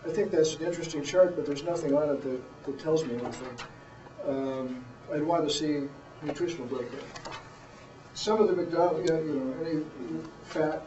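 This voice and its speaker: A middle-aged man gives informal, blunt feedback as a presentation judge, plain-spoken and halting. His voice is mellow and unforced, picked up from a distance in a reverberant room. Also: on the high side, fairly even intonation, slight background noise. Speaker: judge critiquing a student presentation. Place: room, far from the microphone. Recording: roomy, dull, distant microphone.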